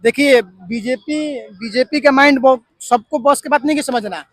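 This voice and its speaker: A man's voice: extremely high pitch, moderate pace, no room sound. A man being interviewed, arguing politics insistently and hammering his points with rhetorical questions. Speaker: party supporter being interviewed. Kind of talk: heated political argument.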